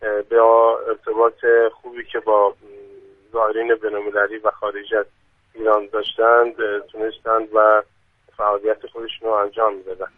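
A man interviewed by phone on the radio, formal and polite, pausing often with hesitant fillers. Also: lowish voice, monotone, no echo. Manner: formal, slow, many hesitant pauses. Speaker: phone-in guest. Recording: tinny phone line.

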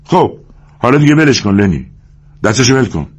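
A man voicing a loyal ranch hand who shouts urgent commands at his friend. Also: mid-range voice, sing-song, husky, voice pushed up. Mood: firm.

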